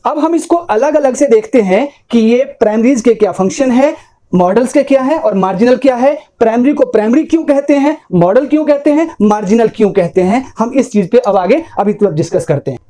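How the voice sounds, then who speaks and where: A woman's voice: fairly high pitch, brisk, dark tone. A woman teaching English grammar in Hindi with English terms, often checking in with the class and reciting word lists like a poem. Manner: repeats points and checks in with "ठीक है?".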